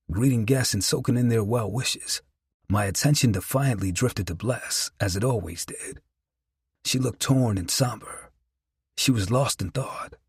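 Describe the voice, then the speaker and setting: Husky breathy guy reading an audiobook, earnest and thoughtful, dry sound. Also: on the low side, dry recording. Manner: reflective, earnest. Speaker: audiobook narrator. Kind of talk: first-person audiobook narration.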